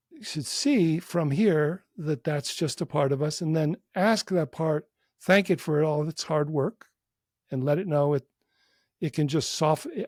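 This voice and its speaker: A man who works as a psychotherapist, guiding a short meditation in a calm, unhurried, gently inviting voice with long pauses. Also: fairly high pitch, no echo, clean studio sound. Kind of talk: guided meditation within a podcast interview.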